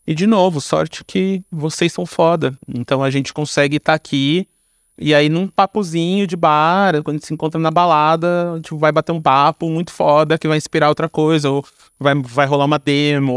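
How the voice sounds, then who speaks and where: This screenwriter, speaking with a Brazilian accent, chats informally as a podcast interview guest, using slang and adding small tag questions. His fairly high voice is smooth and fairly quick with fairly even intonation, and the studio-quality recording has no room sound.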